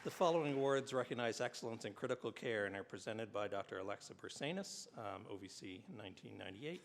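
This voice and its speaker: A man with a lowish voice reads out award citations at a formal university ceremony. He keeps a measured announcing style, slips in an occasional "uh", and now and then adds a dry joke at his own expense. His voice carries the long reverb of a large hall. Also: lively intonation, creaky, some chatter behind, slight background noise. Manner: reads citations with filler "uh"s, adds dry self-deprecating asides.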